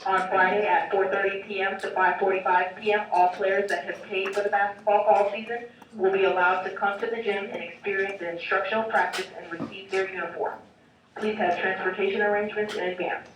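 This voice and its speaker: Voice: medium pitch, fairly quick. Echoey distant school intercom announcer. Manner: reads lists of names and bus numbers in a steady announcing tone. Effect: school intercom loudspeaker. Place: classroom, heard through a wall speaker. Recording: echoey loudspeaker heard from far off with faint noise.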